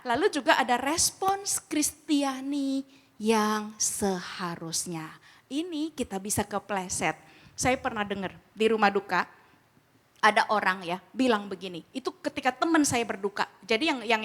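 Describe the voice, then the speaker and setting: High-voiced woman teaching with lively stories. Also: normal speed. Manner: lively storyteller who acts out quoted exchanges in slangy speech. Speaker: speaker at a church grief ministry training. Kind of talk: casual teaching talk.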